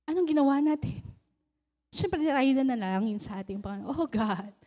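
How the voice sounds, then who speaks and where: Woman, Filipino accent, church testimony, very high voice, animated storytelling. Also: normal speed. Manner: animated storytelling, laughs often, rises to cries of praise. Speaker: church speaker. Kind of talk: testimony sermon.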